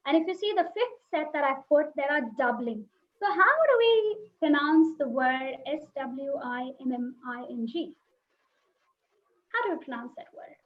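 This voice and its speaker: A woman's voice: high voice, expressive, normal speed. A woman educator giving a webinar lecture on phonics, explaining and demonstrating speech sounds aloud and putting questions to her listeners. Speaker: teacher trainer. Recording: dull lo-fi webinar audio.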